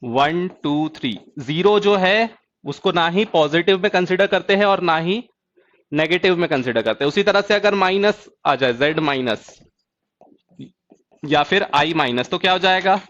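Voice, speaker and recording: Man, high voice, math lecture, slow drawn-out key terms, dull lo-fi audio. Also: animated, a bit bright. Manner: asks students check questions; drawls key terms slowly. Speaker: teacher. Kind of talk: exam-prep math lecture.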